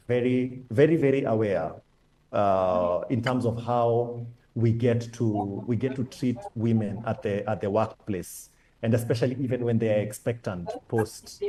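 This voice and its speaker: A man speaking as a panel guest, earnest and halting, often repeating and restarting his words. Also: medium pitch, warm tone, rough recording. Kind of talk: conversational panel talk.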